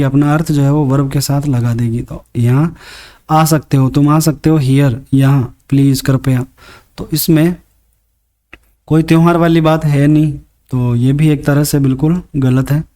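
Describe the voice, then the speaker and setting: Mellow-voiced man teaching English. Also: on the high side. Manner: patient, step-by-step explaining; reads English sentences slowly, then translates. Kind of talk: worksheet lesson explained in Hindi.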